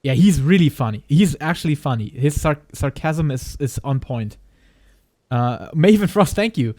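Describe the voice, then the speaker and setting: A man's voice: fairly high pitch, animated, moderate pace, darkish tone, no echo, clean studio sound. A man streaming a reaction video, talking hesitantly with frequent restarts and laughs. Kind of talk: live stream reaction commentary.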